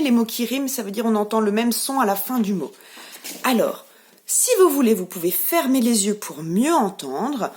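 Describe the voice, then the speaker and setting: Leading young children through clapping syllables in a remote lesson, this French-accented preschool teacher speaks gently and pronounces each word with care. Her pitch is fairly high, and a slight background noise can be heard.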